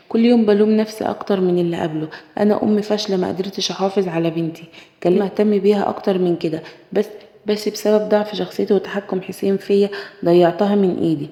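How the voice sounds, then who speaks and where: A woman's voice: mid-range voice, dark tone. Egyptian-accented female narrator, sorrowful first-person story; long reverb. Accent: Egyptian Arabic. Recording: echoey room with long reverb.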